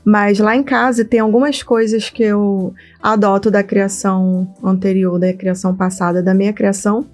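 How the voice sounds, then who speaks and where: Animated Brazilian woman telling stories. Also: mid-range voice, moderate pace, few pauses, soft background music. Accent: Brazilian Portuguese. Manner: animated storytelling, acts out dialogue. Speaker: podcast co-host, mother. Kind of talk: casual chat.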